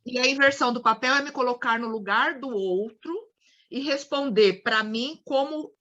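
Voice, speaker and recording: A woman's voice: a little high, normal speed, pushed and bright, lo-fi sound. A Brazilian woman lecturing a study group on psychodrama, explaining with acted-out examples and frequent restarts. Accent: Brazilian Portuguese.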